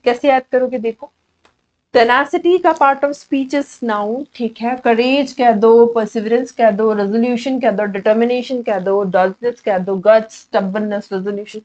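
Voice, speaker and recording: A fairly high-pitched Indian woman teaches vocabulary in an online exam coaching class. She talks in a chatty, repetitive way, mixing Hindi and English as she walks through each word. The sound is a little dull and lo-fi. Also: normal speed, dark tone. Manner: chatty, explains in mixed Hindi and English, repeats key words.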